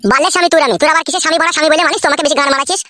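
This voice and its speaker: A crude, stubborn young village husband in a comedy cartoon, defiant and foul-mouthed, as a woman drops her voice low to play him. He fires off his lines at a rapid clip over a noisy recording. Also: fairly even intonation, sharp tone.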